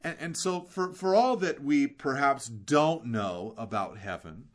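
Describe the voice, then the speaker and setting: A man preaching a sermon in an earnest way, slowing down to stress key words and asking rhetorical questions. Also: mid-range voice, expressive. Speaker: pastor.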